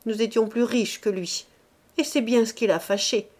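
A woman's voice: high-pitched, sing-song, a little slow, darkish tone, voice pushed up, full character voice. A woman voicing an elderly self-righteous bourgeois mother who laments plaintively in an audiobook. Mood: indignant lament. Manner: indignant, plaintive.

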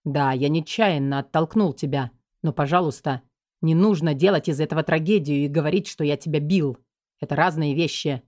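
Female narrator doing a controlling husband, low mellow voice, brusque and pushy, audiobook character. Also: moderate pace, close to an everyday voice. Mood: condescending. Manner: lowered voice, brusque then pleading. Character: angry controlling young husband.

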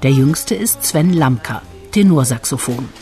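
A woman reporter giving calm, measured, scripted documentary narration. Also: extremely low pitch. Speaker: radio reporter. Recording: narration over loud music.

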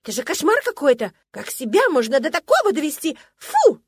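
A woman voicing a spoiled, jealous blonde woman with a shrill, squealing voice and loud, overacted whining. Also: wildly swooping pitch, brisk, no echo, clean studio sound. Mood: frantic whining.

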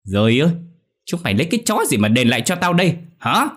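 A man's voice: lowish voice, sing-song, moderate pace, breathy edge. A man voicing a cruel, greedy female moneylender who screeches and curses in a storybook tale. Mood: furious. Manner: screeching, cursing, scornful.

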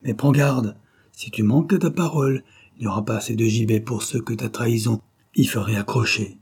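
A man's voice: mid-range voice, a little fast, darkish tone, breathy edge. A man voicing a dying, sneering villain. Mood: threatening. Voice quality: sneering, menacing.

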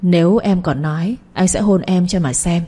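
A woman's voice: on the low side, normal speed, mellow, breathy edge. A woman reading a persistent middle-aged suitor. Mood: insistent. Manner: pleading, insistent.

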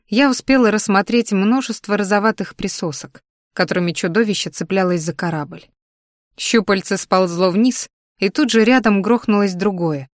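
A woman reading a first-person fantasy audiobook in an expressive, dramatic way. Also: mid-range voice, dry recording, studio quality. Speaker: audiobook narrator.

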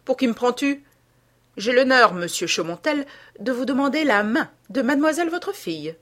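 A woman's voice: sits high, expressive, normal speed, voice pushed up. A woman reading aloud, voicing a sinister, corpse-like male blackmailer who taunts with mocking familiarity. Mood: menacing. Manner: sneering, overly familiar, taunting.

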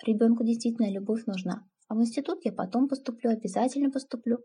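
A woman's voice: on the high side, quick pace, dark tone, slightly rough. A woman voicing a timid, earnest young village woman who pleads and defends herself.

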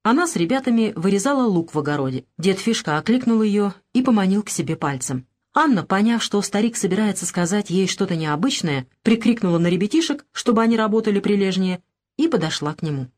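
Expressive woman reading an audiobook. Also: medium pitch, brisk. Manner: expressive storytelling. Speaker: narrator. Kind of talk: audiobook narration.

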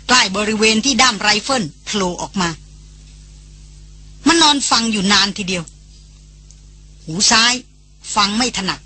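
A woman narrating an adventure novel as an audiobook in a steady storytelling delivery. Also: on the high side, husky.

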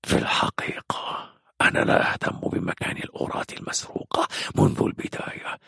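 A man voicing a cold, menacing male commander who speaks in a low hissed whisper. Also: fairly quick, bright, forceful tone, no echo, clean studio sound, close to an everyday voice.

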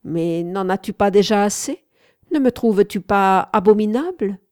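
A woman voicing a haughty, commanding young woman in an audiobook, imperious and teasing, with sharp commands. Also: mid-range voice, expressive, normal speed, dry recording, studio quality, close to an everyday voice. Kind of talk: audiobook reading.

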